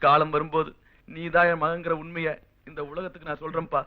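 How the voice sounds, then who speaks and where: An actor playing a scheming rich landlord who brags about riches and talks smoothly. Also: male voice, on the high side, flat delivery, brisk, lightly acted. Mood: confiding. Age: middle-aged. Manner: boastful, smooth-talking. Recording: dull lo-fi film audio with score.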